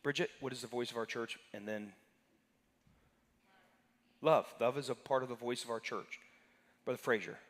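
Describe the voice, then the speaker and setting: A man's voice: mid-range voice, fairly even intonation, moderate pace, pauses often. A man pastor leading an interactive Sunday class, talking conversationally and calling on members of the congregation by name. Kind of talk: interactive church teaching. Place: church sanctuary. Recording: reverberant sanctuary hall.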